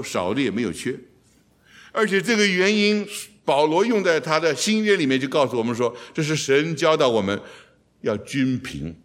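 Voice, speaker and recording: A man giving an expository Bible teaching in a lively way, putting rhetorical questions to his listeners and dropping in English phrases. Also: medium pitch.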